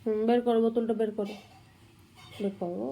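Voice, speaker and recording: A woman's voice: a little high, steady tone, a little fast, dark tone, low-quality recording. Woman coaxing her dog in fond baby talk. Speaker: pet owner filming her dog. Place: home indoors. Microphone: handheld phone camera.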